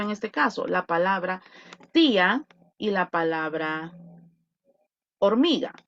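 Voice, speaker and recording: A woman teaching an online English class, mixing Spanish and English and drawing out example words. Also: medium pitch. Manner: lively, switching between Spanish and English, drawn-out model words. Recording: lo-fi video call audio.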